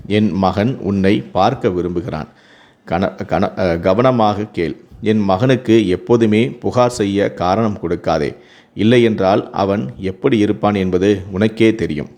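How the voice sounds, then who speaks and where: A man voicing a wealthy, domineering mother-in-law who lectures and warns a young bride, in a low reading voice. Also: measured pace, a little mellow. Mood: warning. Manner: commanding, lecturing.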